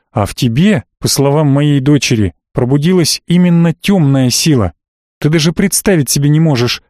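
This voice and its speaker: A man's voice: fairly high pitch, mellow, dry recording, studio quality, close to an everyday voice. A man voicing an arrogant, stiff male elf, a father-in-law, in an audiobook reading.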